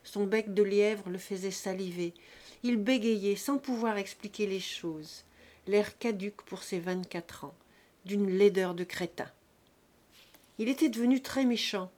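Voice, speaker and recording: Lady reading a classic novel, steady measured narration, mid-pitched voice. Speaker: audiobook reader.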